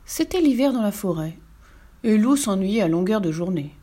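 A woman narrating a children's storybook aloud. Her reading is lively and expressive, with a voice at a middle pitch. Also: normal speed.

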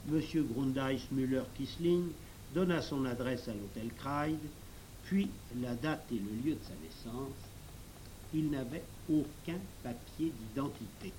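A man reading a children's novel aloud in measured storybook narration. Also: mid-range voice, dark tone, slight background noise, rough recording. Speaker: audiobook narrator.

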